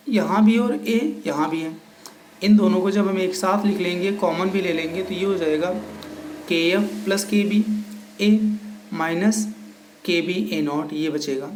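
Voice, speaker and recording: A man's voice: sits high, darkish tone. A man teaching a chemistry lecture. He explains step by step, asks questions and answers them himself, mixes English technical terms into his Hindi, and calls his students children. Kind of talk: recorded classroom lecture. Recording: echoey room with faint ambient noise.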